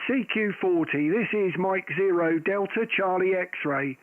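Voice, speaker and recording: A man from England working as an amateur radio operator, calling slowly and crisply over a fading shortwave radio signal. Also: high-pitched. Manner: slow, clipped call-sign calls. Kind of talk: calling on the air. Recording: tinny hissy shortwave receiver.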